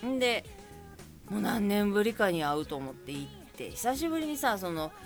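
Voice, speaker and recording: Female podcast host, Kansai accent, chatty solo talk, lively delivery over light music. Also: mid-range voice, moderate pace. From Kansai region of Japan. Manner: animated, chatty, laughing storytelling. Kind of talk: casual solo monologue.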